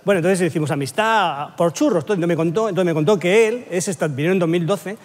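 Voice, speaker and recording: A man's voice: high-pitched, fast. A man on a comedy panel show, telling a rambling, exaggerated story with lots of swearing and laughing. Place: TV studio with live audience.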